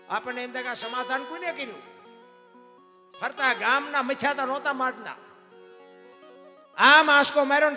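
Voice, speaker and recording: A man's voice: extremely high pitch, bright, forceful tone. A man, a folk storyteller talking in a homely, preachy way to a live audience and often calling them "bapu". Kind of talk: folk stage storytelling talk. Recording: long hall reverb, faint music behind.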